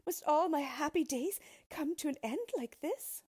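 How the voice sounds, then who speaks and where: Young fairy-tale princess , woman reader: proud yet fearful, high and very animated, dramatic delivery. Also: moderate pace, breathy edge, heavily acted. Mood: terrified, pleading. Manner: pleading, indignant, dramatic.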